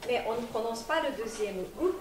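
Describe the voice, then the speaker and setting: Language teacher, female, slightly high voice, unhurried drilling delivery; echoey distant hall sound with crowd. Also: animated. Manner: slow, repeats words for the class to echo. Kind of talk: live classroom teaching. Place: festival hall with audience. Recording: echoey hall from far off, audience.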